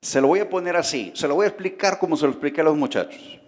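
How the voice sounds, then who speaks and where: A man's voice: a little high, fast talker. Man preaching in a reverberant hall. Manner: conversational preaching with questions to the congregation. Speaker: pastor. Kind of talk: sermon. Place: church hall. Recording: reverberant hall with faint music behind.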